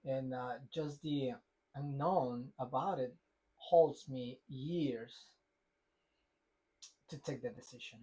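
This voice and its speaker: Husky man with Ecuadorian Spanish accent. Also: mid-range voice, warm tone, rough recording. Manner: halting, many fillers and restarts, non-native phrasing. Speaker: podcast co-host. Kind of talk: casual chat.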